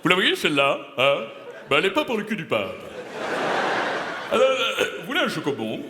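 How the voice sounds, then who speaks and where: In an echoey hall full of loud crowd noise, a man improvises a comic character, a pompous playwright full of himself, declaiming grandly and laughing at his own jokes before a live audience. His high voice swings hugely in pitch and moves fairly quickly.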